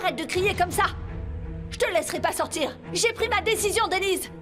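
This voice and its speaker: An actress playing a harsh, controlling mother in a dubbed TV drama, with a sharp, commanding tone. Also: very high-pitched, a little fast, music in the background. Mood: stern. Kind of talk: French TV drama dub.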